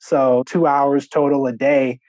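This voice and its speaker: A man in his twenties from the Bahamas, a podcast guest telling his story in a relaxed, conversational way with frequent "you know" and "like". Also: medium pitch, unhurried, no echo. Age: 20s. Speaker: podcast guest, real estate investor. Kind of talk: conversational interview.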